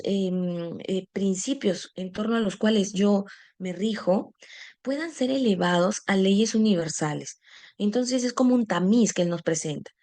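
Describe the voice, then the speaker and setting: A woman teacher giving a lecture on teaching, posing rhetorical questions and pausing with frequent fillers. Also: mid-range voice, a little mellow.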